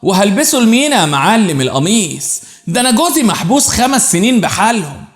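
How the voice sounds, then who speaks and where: A man with an Egyptian accent voicing a bold, sharp-tongued young woman in a story, speaking indignantly. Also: high-pitched, sing-song, fast, echoey room. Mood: angry. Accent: Egyptian Arabic. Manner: indignant, demanding.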